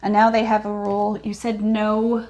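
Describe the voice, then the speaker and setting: A woman's voice: medium pitch, monotone, normal speed, a little mellow, dull audio. A woman hosting a casual chat as a thrift reseller, talking through items and their sizes and laughing easily. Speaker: thrift reseller and channel host.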